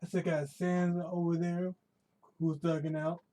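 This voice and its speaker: Mellow and a little slow, this man speaks with a high-sitting voice and a level tone. He's an American from the United States chatting casually on a live stream from his home room, rambling and often starting over or rewording things. Pollen allergies have left his voice a bit worn.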